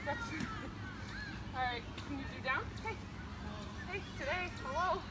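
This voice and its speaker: A woman's voice: high-pitched, expressive, measured pace, very noisy. A woman working as a dog trainer who talks casually to the camera, laughs often and gives short, repeated commands to a dog outdoors.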